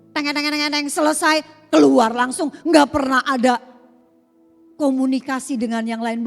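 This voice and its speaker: A middle-aged woman pastor preaching a sermon, talking animatedly with rhetorical questions to the congregation. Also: a little high. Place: church sanctuary. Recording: long church hall reverb with faint music.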